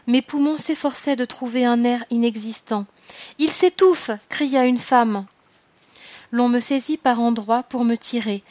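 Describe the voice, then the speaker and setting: A woman narrating a literary story in the first person, reading in a measured, grave manner. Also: on the high side, darkish tone, no echo. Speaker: audiobook narrator.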